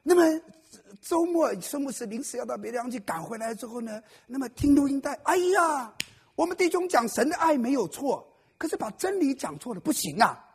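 A man's voice: very high-pitched, sing-song, a little fast, breathy edge. A man preaching a sermon to a live congregation, quizzing his listeners and cracking jokes. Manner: playful, jokes and quizzes the audience. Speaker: pastor. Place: church service before a congregation.

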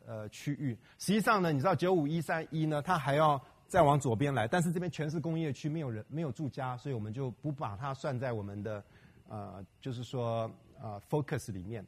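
Middle-aged male pastor, husky, chatty church-talk delivery with lots of fillers. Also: medium pitch. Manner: conversational, with many fillers and rhetorical questions. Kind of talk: church talk on local history and prayer.

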